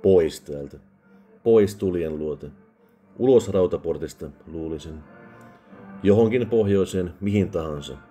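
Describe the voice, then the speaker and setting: A man doing a raspy drunk scarred soldier. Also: low voice, pauses often, dark tone, soft background music. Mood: menacing, bitter. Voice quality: drunken rasp.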